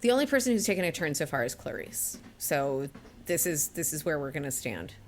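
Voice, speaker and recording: A woman's voice: sits low, big pitch swings, brisk. A woman game master narrating and improvising a tabletop role-playing game. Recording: faint background noise.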